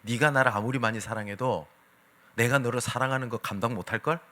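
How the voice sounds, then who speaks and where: A male pastor quoting a soft-spoken, tender middle-aged father. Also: medium pitch, fast talker, lightly acted.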